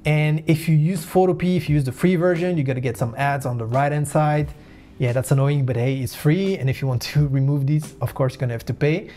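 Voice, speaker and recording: A man's voice: on the high side, a little fast, dark tone, a little hiss or hum. A man hosting a tutorial, talking in a chatty, upbeat way straight to his viewers. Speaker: host of a design tutorial channel. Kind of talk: casual tutorial narration.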